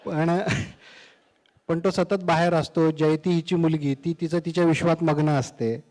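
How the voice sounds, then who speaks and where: A man's voice: a little high, steady tone, a little slow, a little mellow. Teasing male interviewer in a hall. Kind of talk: conversational interview questions.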